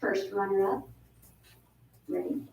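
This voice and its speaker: A woman making an upbeat school announcement over the intercom, heard through a classroom loudspeaker. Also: mid-range voice, wildly swooping pitch, slow. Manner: upbeat, cheering on the winners. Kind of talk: public announcement of fundraiser results. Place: classroom hearing an intercom speaker. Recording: echoey distant intercom with faint hiss.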